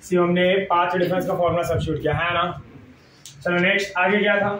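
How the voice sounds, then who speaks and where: A man's voice: high voice, fairly even intonation, fast talker, bright, forceful tone, a little hiss or hum. A man with an Indian accent lecturing a physics class in a classroom. He mixes Hindi with English and keeps quizzing the students. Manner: quizzing students, repeating questions. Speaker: physics teacher. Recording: echoey room, mic at a distance.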